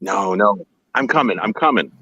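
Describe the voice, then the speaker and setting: A man joining an interview by phone, relaxed and a bit halting as he tells his story. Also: on the low side. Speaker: interview guest. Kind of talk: casual conversation. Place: outdoors on a hill. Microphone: phone on a video call. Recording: dry, muffled phone call.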